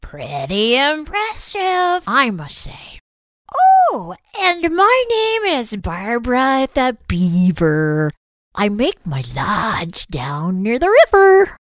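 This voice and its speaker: Male reader as a keen lady beaver: high-pitched, lilting, slow. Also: wildly swooping pitch, fairly bright tone, no echo, studio quality, heavily acted. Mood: enthusiastic. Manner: slow, drawn-out, enthusiastic. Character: enthusiastic female beaver.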